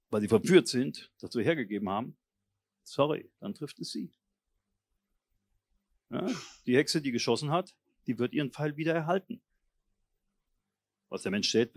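A man preaching a charismatic sermon, moving between low, intense murmurs and loud, forceful exhortation in a blunt, colloquial manner. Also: very animated, moderate pace, pauses often, no room sound. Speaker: pastor.

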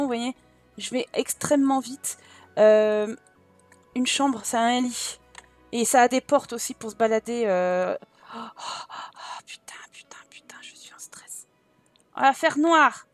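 A woman doing frantic, self-mocking commentary while racing through a timed home-building game challenge. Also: fairly high pitch. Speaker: gaming YouTuber. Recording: faint game music behind.

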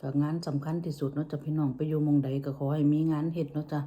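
A woman's voice: deep voice, flat delivery, rapid-fire, lo-fi sound. A woman with an Isan, northeastern Thai accent, chatting casually and folksily to her viewers in a homely vlog manner. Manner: folksy, addresses listeners with frequent soft polite particles. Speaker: vlogger. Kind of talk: casual chat to viewers while eating.

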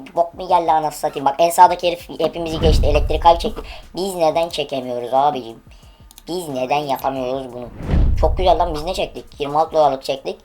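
Low-voiced woman ranting over a game. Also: a little mellow. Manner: impatient, profane, urging the game aloud. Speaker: online case-opening streamer. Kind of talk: live gaming commentary.

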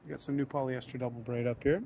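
Relaxed man giving a boat tour. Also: mid-range voice, fast, creaky, slight background noise. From United States. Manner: relaxed, thinks aloud with frequent ums and uhs. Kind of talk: casual walkthrough narration. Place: aboard a docked sailboat, outdoors then in the cabin.

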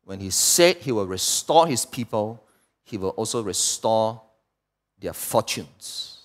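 A man preaching a sermon, swinging between loud outbursts and quiet asides and putting questions to the congregation. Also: fairly low pitch, animated, slow. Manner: asks the congregation rhetorical questions. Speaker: pastor.

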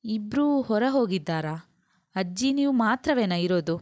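An eager, dutiful young man, as a woman reader puts him on, quick and obliging in an audiobook. His lines come out a bit higher and faster than the narration. The sound is close, dry and slightly dull. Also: lively intonation, darkish tone, no echo, lightly acted.

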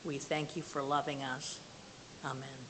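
An older woman with a deep, bass voice and a level tone gives an earnest, plainspoken testimony and prayer from the pulpit of a small church. She is a lay speaker, and her phrasing is slow and measured. A far camera at the back of the room captures her in a reverberant church hall with faint hiss.

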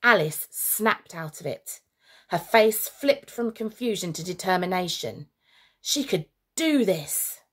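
A woman teacher reading a children's story aloud with expressive storytelling. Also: on the low side, slow pace, slightly rough.

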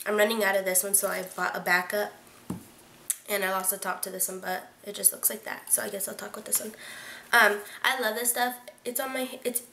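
This teenage beauty vlogger talks fairly quickly in a medium-pitched, gravelly, bright voice with a forceful tone and fairly even intonation. Chatting to a close webcam in her small bedroom, she rambles with lots of "like" and "um," says her voice sounds odd today, and the recording has roomy echo and slight background noise.

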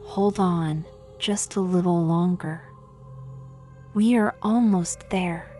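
Woman playing a frantic ritual leader, commanding, dark low voice, horror tale. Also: slow pace, faint music behind.

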